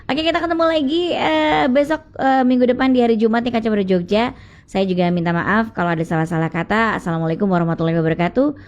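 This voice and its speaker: A woman's voice: a little high, fast. A woman hosting a radio show, chatting casually and signing off with bits of English. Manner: chatty, mixes in English sign-offs. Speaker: radio host. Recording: dull lo-fi radio sound with faint music.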